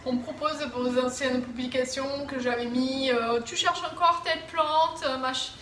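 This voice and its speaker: A woman's voice: high-pitched, steady tone, measured pace, a bit bright, a little hiss or hum. A woman in her thirties chatting to camera from her living room, with many fillers and restarts as she answers viewer questions. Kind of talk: casual chat to camera. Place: living room at home, indoors. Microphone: camera at a distance. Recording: roomy echo, voice a bit far from the mic.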